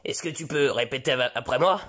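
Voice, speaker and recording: A man voicing a weary male schoolteacher with a deadpan manner in a comedic fan parody. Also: medium pitch, fast talker, natural voice. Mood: patient.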